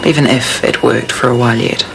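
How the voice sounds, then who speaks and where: An actor as a calm, frank male surgeon. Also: mid-range voice, a little fast, vocal fry, close to an everyday voice. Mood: grave, measured. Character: calm, frank hospital surgeon breaking news gently. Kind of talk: naturalistic TV soap acting. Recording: noisy TV soap scene.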